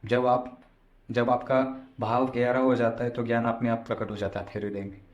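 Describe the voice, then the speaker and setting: A man's voice: medium pitch, level tone, moderate pace, highs cut off. A man giving a devotional discourse as a spiritual storyteller, explaining and repeating phrases for emphasis. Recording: echoey room sound.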